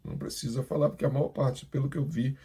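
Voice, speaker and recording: A Portuguese-speaking man teaching Spanish pronunciation by reading scripture aloud, stressing each sound and repeating words slowly to drill them. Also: medium pitch, steady tone, mellow, breathy edge.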